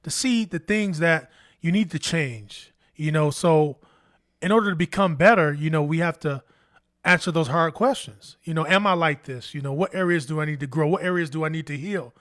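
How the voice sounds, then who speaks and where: High-voiced man giving earnest relationship advice. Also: moderate pace, a bit bright, no room sound, studio quality. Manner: earnest, many "you know" fillers. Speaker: podcast co-host.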